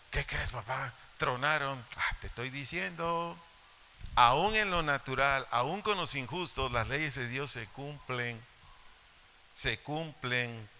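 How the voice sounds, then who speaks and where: A man's voice: mid-range voice, sharp tone, a little hiss or hum. A middle-aged man with a Mexican Spanish accent preaching a sermon to parents in a church, repeating key phrases and Bible references for emphasis. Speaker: pastor. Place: church hall.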